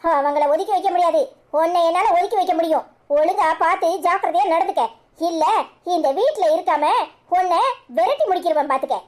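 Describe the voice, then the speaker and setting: A woman voicing a sharp-tongued young wife in a cartoon serial, scolding in a Kanyakumari Tamil accent. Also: extremely high pitch, brisk. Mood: threatening. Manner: scolding, combative. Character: sharp-tongued young wife fighting her co-daughter-in-law.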